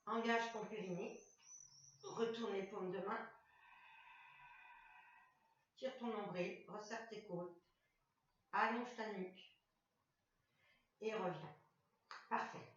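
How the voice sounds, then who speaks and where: A woman leading a chair exercise class, calmly cueing each movement step by step and repeating commands. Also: medium pitch, takes it slowly, long pauses. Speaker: fitness instructor. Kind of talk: guided exercise class instruction. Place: room with a chair and mat. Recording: echoey room, voice far from the mic, dull sound.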